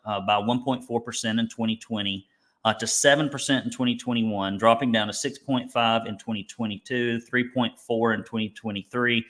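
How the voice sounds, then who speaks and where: Here an Alabama-born business coach teaches a webinar in his Alabama Southern accent, keeping it conversational, folksy and funny with colorful phrases. His voice has a medium pitch and a fairly bright tone.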